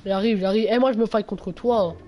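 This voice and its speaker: A male streamer, chatting casually with viewers during a live game, full of slang and swearing, with sudden loud yelps. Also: sits high, fairly even intonation, a little fast. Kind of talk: casual gameplay livestream chat.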